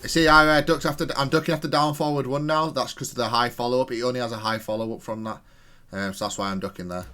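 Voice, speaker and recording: In a pushed, bright mid-range voice with fairly even intonation, a man talks fast while reviewing his own video game play. The video game player and content creator keeps it casual and analytical, thinking out loud and correcting himself.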